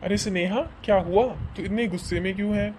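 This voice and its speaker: A man's voice: high voice, steady tone, brisk, darkish tone, a little hiss or hum, lightly acted. A man voicing a young adult son in a cartoon who sides with his sister, firm and dismissive. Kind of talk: cartoon voice acting.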